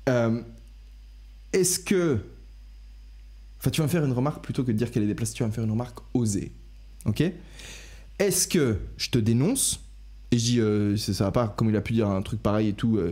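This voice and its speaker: A young man hosting a laid-back podcast, talking through his points in loose, rambling sentences and correcting himself as he goes. His voice is dark and mellow, at an ordinary male pitch. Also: quick pace, pauses often. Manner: rambling, full of restarts and self-corrections. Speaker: podcast host. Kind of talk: casual podcast discussion.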